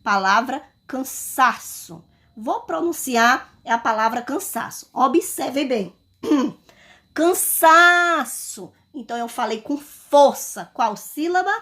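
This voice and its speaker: A woman's voice: high-pitched, animated. A woman teacher with a Brazilian Portuguese accent, giving a recorded lesson to children at home and stretching out the stressed words in a sing-song way. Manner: sing-song, drawn-out stressed words, calls pupils "my loves".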